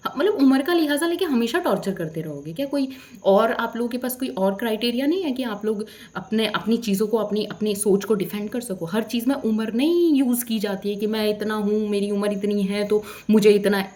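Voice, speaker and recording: A woman's voice: mid-range voice, a little fast, a little mellow. A young woman telling a storytime vlog in a heated, indignant rant. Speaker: vlogger.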